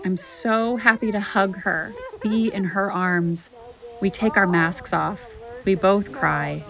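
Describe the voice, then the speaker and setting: A woman's voice: mid-range voice, fairly even intonation, slow pace, vocal fry, crowd noise. A woman hosting a podcast, narrating a personal story in a reflective, intimate way.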